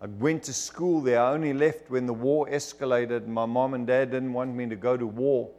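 A middle-aged Zimbabwean man gives a sermon testimony to a congregation, telling his story emphatically with bursts of fervor. His voice sits in the mid-range, a little mellow, with fairly even intonation and a normal speed.

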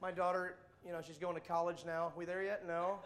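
A man preaching to a congregation, telling travel stories in a jokey, animated way with playful mock voices. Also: high-pitched, brisk, noisy background. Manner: jokey, does voices and mock accents in quotes. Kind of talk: animated sermon storytelling.

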